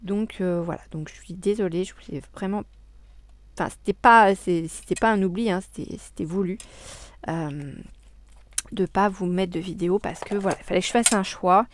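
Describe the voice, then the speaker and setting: A woman's voice: mid-range voice, normal speed. A woman chatting casually in a crafting vlog at her home desk, cheerful and enthusiastic, with frequent hesitations and filler sounds. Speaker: crafting vlogger.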